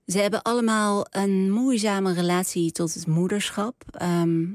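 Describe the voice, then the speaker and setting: A woman author being interviewed about her novel, reading passages aloud in a slow, measured voice. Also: mid-range voice, steady tone, no room sound, clean studio sound.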